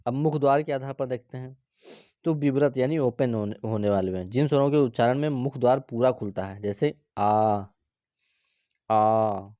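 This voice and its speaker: A man teaches a grammar lesson for exam preparation, pausing often to sound out letters slowly. His voice sits at an ordinary pitch, recorded close and dry with slightly muffled, lo-fi audio. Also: no room sound. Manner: explains step by step, sounding out each letter slowly; drawn-out demonstration sounds with frequent fillers. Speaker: Hindi teacher.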